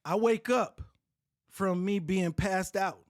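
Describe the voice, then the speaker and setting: Profane, animated woman storyteller. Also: mid-range voice, slow pace, dry recording, clean studio sound. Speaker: podcast host. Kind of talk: casual storytelling chat.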